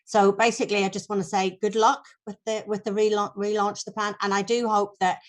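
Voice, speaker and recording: A woman, a union branch secretary, speaking up at an online event over a video call in a thoughtful, halting way. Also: mid-range voice, level tone. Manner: thoughtful, peppered with "you know" and restarts. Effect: heard over a video call.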